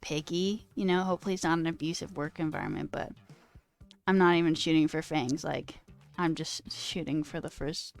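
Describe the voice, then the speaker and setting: A low-pitched, gravelly voice at normal speed belongs to a young adult woman doing a live coding stream. Over background music, she chats casually in an affected British accent and reads viewers' comments aloud, theatrically poking fun at herself.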